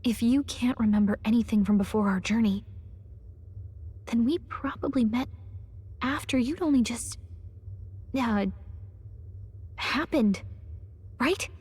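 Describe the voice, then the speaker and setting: An actress playing a small, earnest fairy companion in a fantasy game, hesitant and wondering, with a breathy voice. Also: female voice, on the high side, unhurried, long pauses, a little mellow. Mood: puzzled, wistful.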